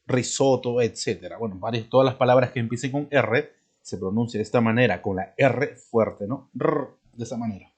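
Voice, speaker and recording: A man teaching a spelling lesson, who clears his throat often, drills example words one by one and keeps checking in with the student. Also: mid-range voice. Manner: checks in constantly with "¿de acuerdo?" and "¿no?"; stresses and drills each example word slowly.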